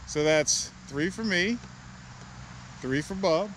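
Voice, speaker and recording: A man hosting a fishing vlog from a small boat on a lake, chatting excitedly as he narrates catches. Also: sits high, slow pace, slight background noise. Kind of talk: casual fishing chat on a boat. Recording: loud background music over outdoor audio. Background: loud music.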